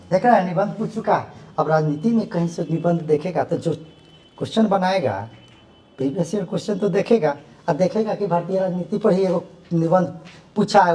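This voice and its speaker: A young man lecturing a class, animated and firing rhetorical questions at his students. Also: sits high. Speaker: teacher.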